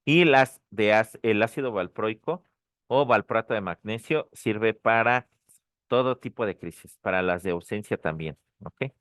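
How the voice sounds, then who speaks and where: Low-voiced man teaching pharmacology online. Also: a little slow, fairly bright tone, no echo, studio quality. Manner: repeats key points, checks in with "ok?". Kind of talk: online lecture. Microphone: dry close mic, online session.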